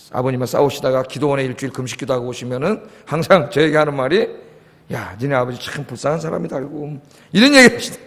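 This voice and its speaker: High-pitched preaching man in a reverberant hall. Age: 50s. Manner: emphatic, calls on the congregation with repeated questions. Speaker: pastor. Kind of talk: sermon. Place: church sanctuary. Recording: long church hall reverb.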